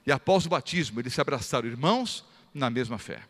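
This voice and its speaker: Lively pastor in a reverberant hall. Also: male voice, medium pitch, quick pace. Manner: animated storytelling, acts out quoted voices. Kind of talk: sermon with testimony.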